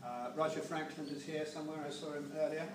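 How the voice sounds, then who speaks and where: An older man giving an informal, unscripted eulogy to a gathering, halting and digressive as he goes. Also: fairly high pitch, steady tone. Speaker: family member giving a speech at a memorial gathering. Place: large echoey room with a gathering. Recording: roomy, distant recording with background noise.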